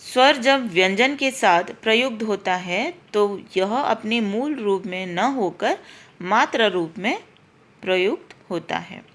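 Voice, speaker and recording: Speaking at medium pitch, a little slowly, with an animated and slightly bright tone, a woman from India teaches grammar to schoolchildren. She is patient, spelling words letter by letter and going over her explanations again.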